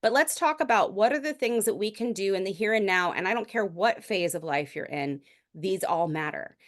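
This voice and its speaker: Speaking at a moderate pace in an animated, mid-range voice, a middle-aged woman physician gives a recorded medical lecture. Her explanations are conversational, with many restarts.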